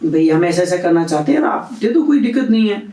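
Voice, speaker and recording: High-voiced man telling a story. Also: quick pace. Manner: animated storyteller acting out quoted dialogue. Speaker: interview guest. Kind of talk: storytelling in an interview. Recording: roomy, distant from the mic.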